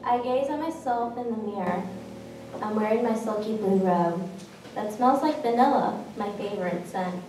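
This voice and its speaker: A woman's voice: mid-range voice, expressive, moderate pace. Woman narrating, distant and echoey. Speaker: performer reading a personal piece. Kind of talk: present-tense descriptive narration. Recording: very echoey room, distant mic, faint noise.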